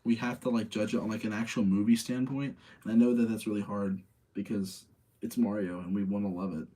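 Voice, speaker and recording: A man runs a live movie-rating chat, talking a little fast in a fairly low, mellow voice with a steady tone. Casual and opinionated, he debates with himself and often repeats phrases to drive points home.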